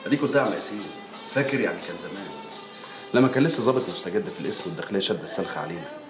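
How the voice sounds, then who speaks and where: A slick Egyptian gangster boss. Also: male voice, low voice, expressive, racing. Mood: confident. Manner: casual, confident, streetwise. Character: smooth-talking Egyptian gangster man. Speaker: crime boss. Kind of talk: film drama acting. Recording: roomy film scene with music.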